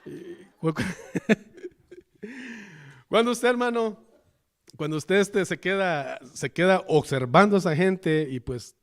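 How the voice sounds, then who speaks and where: Speaking slowly with long pauses, this Salvadoran man has a high voice and a Salvadoran Spanish accent. His church sermon is conversational and chatty, and he often addresses the congregation as brothers, saying "hermano."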